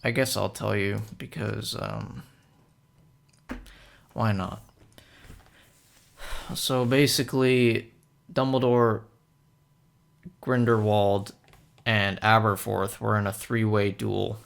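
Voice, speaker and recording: A young man talks through a film in a relaxed, rambling way and fills every gap with hesitations. His low voice has a heavy gravelly fry. He sounds like someone making a casual commentary video. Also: slow pace, pauses often. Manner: rambling, many fillers and hesitations. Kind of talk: casual film analysis monologue.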